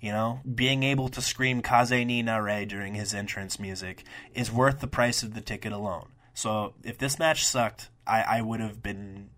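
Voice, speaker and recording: A young man hosting a solo wrestling review podcast, talking casually with rambling asides and profane, excitable rants. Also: lowish voice, moderate pace, few pauses.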